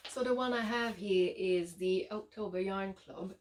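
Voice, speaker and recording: A woman with a French Canadian accent, a yarn dyer giving a relaxed, chatty showcase of her shop's products with frequent ums and uhs. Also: medium pitch, measured pace. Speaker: yarn dyer and shop owner.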